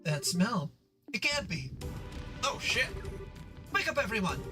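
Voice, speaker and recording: Man as an urgent, high-pitched protective matron. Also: lively intonation, fairly quick, over music. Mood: alarmed, urgent. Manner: urgent, pleading. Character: frightened, protective orphanage matron rousing children from a fire. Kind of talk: reading game dialogue aloud in character.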